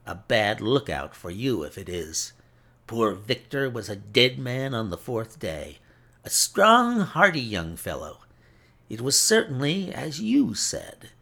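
A male reader gives a full character voice to a cruel gentleman villain from a classic detective story. His rough, creaky voice swings theatrically in pitch as he gloats with mock courtesy, smugly savoring every taunt.

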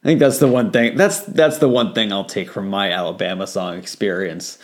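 Low-voiced man in casual music chat. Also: moderate pace. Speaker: podcast co-host.

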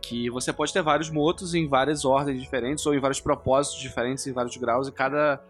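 A man's voice: medium pitch, fairly even intonation, brisk, faint music behind. A man co-hosting a casual podcast discussion, explaining points for beginners. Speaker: podcast co-host.

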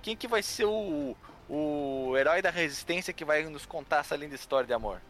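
A man's voice: on the high side, animated, a little fast, a bit bright. Joking Brazilian man spinning theories. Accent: Brazilian Portuguese. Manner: jokey, rambling speculation with laughs. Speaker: podcast co-host. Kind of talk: casual comedic podcast banter.

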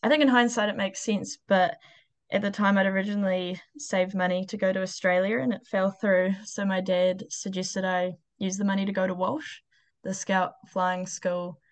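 Appearing as a guest in a laid-back interview, this New Zealand-accented aircraft technician and pilot talks casually and somewhat hesitantly. She keeps a moderate pace with a medium pitch that barely moves.

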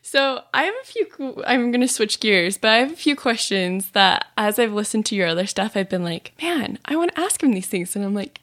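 A woman's voice: mid-range voice, fairly quick, hardly any pauses. A woman hosting a podcast interview, asking questions in an upbeat, chatty way. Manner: lively, upbeat, with easy laughter.

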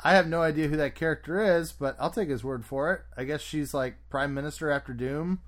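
A man in casual chat as a podcast host, his voice sitting a little higher than most men's. He talks in an opinionated, lively way and sometimes laughs mid-sentence. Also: fairly quick.

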